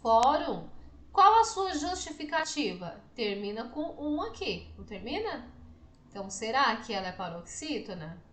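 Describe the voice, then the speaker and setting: A woman teacher with a Brazilian Portuguese accent, explaining a lesson slowly and often asking questions to check understanding. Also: on the high side, big pitch swings, a bit bright, reverberant, a little hiss or hum. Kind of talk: slow, deliberate classroom explanation to students.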